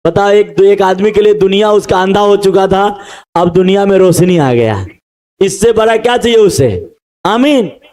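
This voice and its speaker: Male preacher with a very high voice, fervent and animated, addressing his congregation in a sermon. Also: a little slow. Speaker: pastor.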